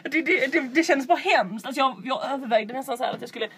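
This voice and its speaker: A young woman chats casually and tells a story with lively energy, sometimes acting out what others said. Her voice sits a little high for a woman. A faint hiss runs under the recording. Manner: animated storyteller, acts out others in exaggerated English. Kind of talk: casual chat.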